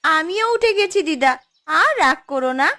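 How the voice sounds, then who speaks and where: A woman's voice: high voice, lively intonation, normal speed, sharp tone. A woman voicing young village sisters in a cartoon, whiny and pleading. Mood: coaxing. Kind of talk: cartoon voice acting.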